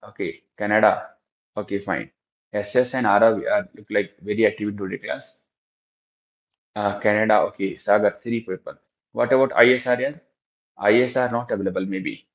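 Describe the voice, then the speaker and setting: A man with an Indian accent teaching a live online physics lesson, often repeating phrases and questions and addressing his students in a familiar way. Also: fairly low pitch. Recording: dull, lo-fi microphone sound.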